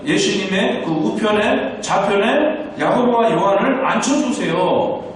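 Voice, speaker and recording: A man preaches in a long-echoing church hall, heard from some distance off the mic. His voice sits high and swings widely up and down as he asks questions and answers them himself, with a faint hiss underneath. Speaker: pastor. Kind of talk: sermon. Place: church sanctuary.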